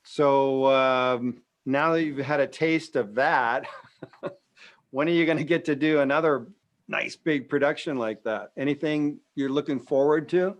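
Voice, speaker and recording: A man's voice: medium pitch, a little slow. A man on a video call, asking friendly, probing follow-up questions during a casual Q&A. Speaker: audience member asking questions.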